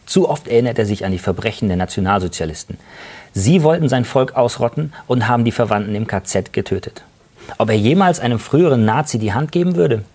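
Moderator mit heiserer, lebhafter Stimme. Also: male voice, medium pitch, husky. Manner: calm, concise questions. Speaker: interviewer host. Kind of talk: television interview.

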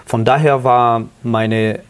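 A middle-aged man from Ukraine with a Ukrainian accent, earnestly telling his life story as a guest in halting German. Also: mid-range voice, steady tone, clear, resonant tone. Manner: earnest, halting non-native German with restarts. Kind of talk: personal testimony interview.

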